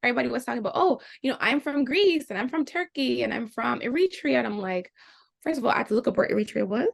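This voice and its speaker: Speaking fast in a gravelly voice, a young Jamaican woman describes her experiences as a guest in a casual interview. She's animated, and her pitch leaps when she quotes reactions.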